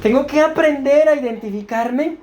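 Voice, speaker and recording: A man's voice: extremely high pitch, moderate pace, darkish tone, dull audio, slight background noise. A male pastor preaching a teaching sermon in a church, explaining step by step, often asking "right?" and putting questions to the congregation. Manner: explanatory, checks understanding with frequent "¿verdad?"; questions the congregation and waits for answers.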